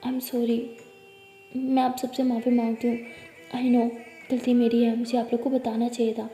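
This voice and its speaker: A woman voicing a timid young college girl who apologizes softly, in an echoey room. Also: fairly high pitch, little pitch movement, moderate pace, faint music behind, lightly acted. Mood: apologetic. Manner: soft, apologetic. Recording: echoey room with long reverb.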